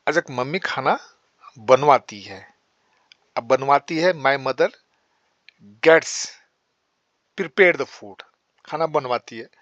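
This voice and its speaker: A man teaching spoken English, explaining in Hindi and saying English sentences slowly. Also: mid-range voice, animated, a bit bright, no room sound, lo-fi sound.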